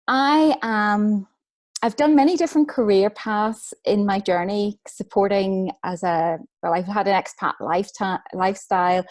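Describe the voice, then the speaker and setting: A middle-aged woman with a Northern Irish accent, an author telling her personal story in a soft, reflective way. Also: medium pitch. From Northern Ireland. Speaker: guest speaker, author and book coach.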